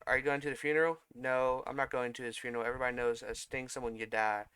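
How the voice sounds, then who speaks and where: A man's voice: medium pitch, flat delivery, quick pace, fairly bright tone, clear, resonant tone, no echo. A man reading a whole film script aloud as a comedy bit, voicing every part in his own voice and stumbling now and then. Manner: reads all parts in one mostly plain voice, with small slips and self-corrections.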